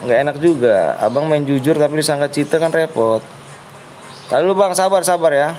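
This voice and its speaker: A man with a Jakarta Betawi accent streaming a game, talking quickly and repeating himself as he coaxes other players. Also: fairly high pitch, darkish tone, slight background noise, rough recording. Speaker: streamer running a custom game room. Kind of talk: live game stream chat. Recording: music playing behind.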